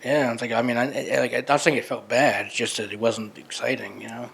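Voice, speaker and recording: A man's voice: mid-range voice, flat delivery, brisk, gravelly, a bit bright, slightly rough. A man co-hosting a podcast in casual banter, rambling with lots of restarts. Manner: rambling, many restarts and fillers. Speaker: podcast co-host.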